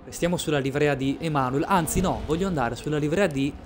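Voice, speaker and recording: Briskly, in a slightly high voice, an esports commentator streams live sim racing coverage in a relaxed style, stumbling and repeating words. A little background noise is audible.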